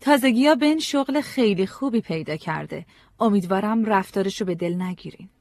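A man voicing a sharp-tongued, mocking woman in a high put-on falsetto for an audiobook story. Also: dry recording. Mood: probing.

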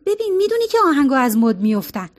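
A doubtful middle-aged woman who keeps raising objections, as a female reader puts her on. Her high voice hesitates in this audiobook scene. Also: sing-song. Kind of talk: audiobook character reading.

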